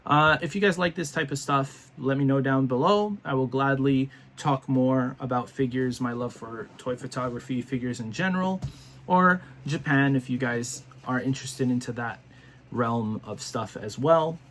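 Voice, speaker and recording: A man in an easygoing talk-to-camera toy review, drifting from point to point with plenty of ums and restarts. He sounds a bit worn out and yawning, his voice sitting at an ordinary middle pitch. A faint hiss sits under the home recording. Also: moderate pace, a bit bright. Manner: rambling, chatty, frequent fillers and restarts. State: tired, yawning. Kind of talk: casual talking-to-camera review.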